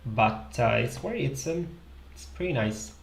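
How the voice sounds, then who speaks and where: A young adult Italian man hosts a live stream, chatting casually with an Italian accent as he draws and thinks aloud through many fillers. His medium-pitched voice is animated and gravelly at a moderate pace. Using a headset in a small indoor room, he sounds echoey, with faint music in the background.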